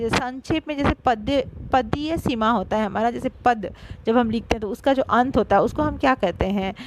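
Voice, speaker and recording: A fairly high-voiced woman teacher walks her pupils through a grammar lesson. She explains patiently, speaks to them directly and slows down to break sounds apart. The recording has clear background noise. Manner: explanatory, addresses pupils directly, stresses syllables slowly.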